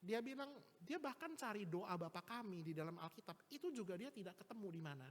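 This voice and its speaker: A man's voice: high-pitched, lively intonation, fairly quick. A male evangelist telling a personal story in a casual, chatty sermon, full of small tag words and restarts. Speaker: evangelist preacher. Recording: long church-hall reverb.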